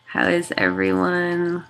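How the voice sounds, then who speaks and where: A woman with a fairly low-pitched voice runs a reiki livestream, saying hello to viewers and thanking them by name in a chatty manner. A cold leaves her congested and sniffling.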